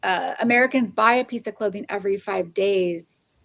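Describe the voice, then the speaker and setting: A woman's voice: medium pitch, moderate pace, gravelly, a bit bright, no room sound. A woman co-hosting a casual podcast chat, talking in loose, rambling sentences full of fillers. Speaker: podcast co-host. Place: Oklahoma, US.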